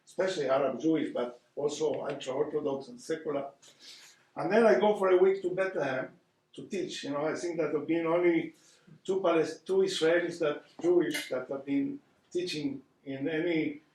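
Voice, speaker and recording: An older Argentine man with an Argentine Spanish accent delivers an earnest public lecture as a guest speaker in a community hall, his voice on the high side. He often hesitates and repeats words while searching for them, and the distant mic picks up the hall's echo.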